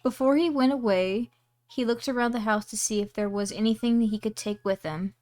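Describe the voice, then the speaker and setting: A woman's voice: a little high, moderate pace, a little mellow. A woman streamer casually reading a storybook aloud, giggling and adding asides on the text.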